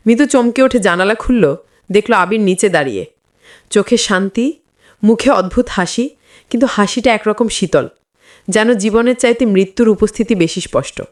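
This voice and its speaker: A woman narrating a story in the third person, measured and hushed, with a note of suspense. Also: mid-range voice, expressive.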